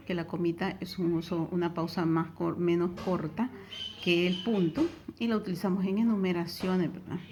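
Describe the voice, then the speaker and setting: A woman's voice: fairly low pitch, warm tone. A middle-aged woman with a Honduran Spanish accent, teaching a recorded tutoring lesson and explaining step by step, often checking in with a question tag.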